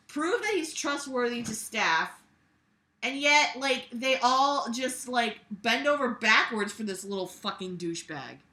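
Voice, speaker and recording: Her voice runs on the high side, bright and pushed, as she reads a book aloud and tears into it with profane, sarcastic remarks. She's the exasperated host of a comedic book-reading series, performing theatrically with overblown emphasis and sudden eruptions.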